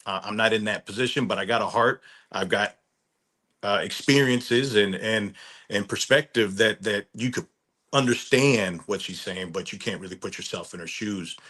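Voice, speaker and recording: A man, retired from the military, telling a story on a casual panel in halting speech, often repeating words. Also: lowish voice, a bit bright.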